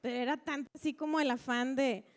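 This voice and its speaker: Woman, high-pitched, chatty, filler-heavy, personal church testimony. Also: steady tone, brisk. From Mexico. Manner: chatty, full of fillers like "o sea" and "¿verdad?". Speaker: church member giving testimony. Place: church service.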